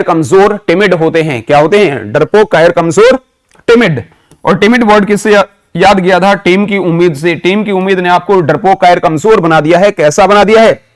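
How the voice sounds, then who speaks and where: A man with an Indian accent teaching English vocabulary through memory tricks, mixing Hindi and English and answering his own questions. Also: sits high. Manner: mixes Hindi with English phrases. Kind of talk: online vocabulary lesson with mnemonics.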